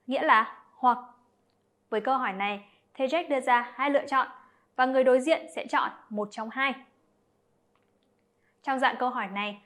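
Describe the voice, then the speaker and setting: A woman explaining an English lesson to children, talking to her pupils directly and clearly. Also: fairly high pitch, a bit bright.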